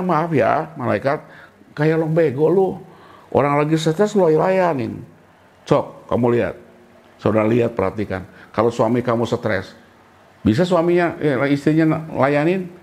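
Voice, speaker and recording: A man's voice: high-pitched, a little mellow, rough recording. A middle-aged man preaching a sermon in a casual, colloquial way, often addressing his listeners directly and acting out the voices he quotes. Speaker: pastor.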